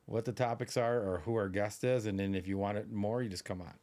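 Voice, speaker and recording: A man with a fairly low voice co-hosts a live stream. He talks loosely and rambles, stringing thoughts together with fillers. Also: steady tone, a little fast, darkish tone. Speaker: podcast co-host. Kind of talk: casual live-stream chat.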